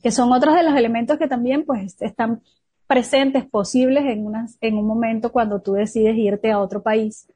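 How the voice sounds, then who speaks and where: A woman's voice: a little high, fairly even intonation, moderate pace, warm tone, slightly rough. A woman interviewer asking questions and responding supportively in formal phrasing.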